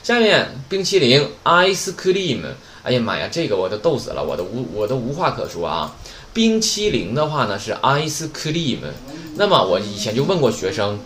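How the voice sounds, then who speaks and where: Man, language teacher, lively swooping pitch, roomy echo, faint background noise. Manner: chatty, jokey, asks rhetorical questions. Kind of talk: vocabulary lesson lecture.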